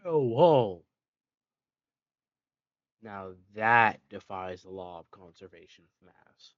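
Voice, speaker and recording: A man's voice: sits low, steady tone, measured pace, clear, resonant tone, no room sound, muffled recording. A man giving casual gameplay commentary, rambling, correcting himself mid-sentence and dropping sarcastic asides. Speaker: let's play gamer.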